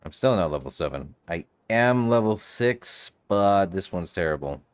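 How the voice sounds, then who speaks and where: A man's voice: sits low, animated, moderate pace, clean tone. A man doing casual let's-play commentary, offhandedly reacting and muttering to himself as he plays. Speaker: game streamer.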